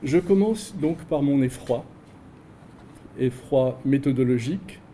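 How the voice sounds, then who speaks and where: A man giving an academic lecture in a seminar, measured and posing rhetorical questions. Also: mid-range voice, mellow, slight background noise, low-quality recording. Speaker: invited researcher giving a lecture. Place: seminar room.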